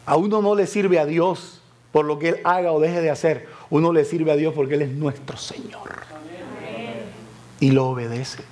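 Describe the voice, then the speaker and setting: A man preaching a fervent sermon in a church, swinging from loud exclamations to soft, near-whispered appeals. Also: on the high side, normal speed. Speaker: evangelist preacher.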